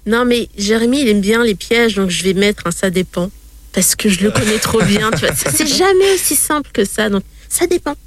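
A woman guest on a science panel, teasing and quick to laugh in casual chat. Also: medium pitch, lively intonation, slight background noise.

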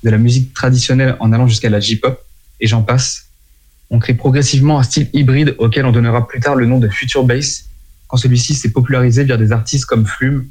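A man presenting and explaining a music genre in French, in a clear explanatory way, with small slips he apologizes for. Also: medium pitch, fairly even intonation, a little fast, a little mellow.

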